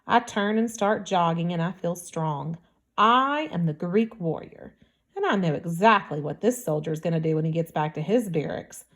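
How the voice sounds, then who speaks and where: Female audiobook narrator, first-person story, steady storytelling delivery. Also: on the low side, moderate pace, few pauses.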